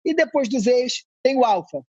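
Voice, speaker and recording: Husky-voiced man explaining calmly. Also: very high voice, moderate pace, no echo, dull audio. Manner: explanatory, laid-back, playful asides. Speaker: anthropologist guest. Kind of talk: conversational podcast interview.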